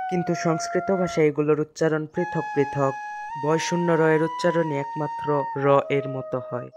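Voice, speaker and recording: A man teaching pronunciation in a measured, scripted narration, slowing down to model each word. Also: a little high.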